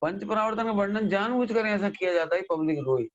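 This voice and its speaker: A man gives a lively scripture discourse, scolding and questioning his listeners. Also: high-pitched, quick pace, muffled recording. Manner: animated, scolding, mimics listeners and asks them questions. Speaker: Jain scholar giving a scripture discourse. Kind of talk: sermon.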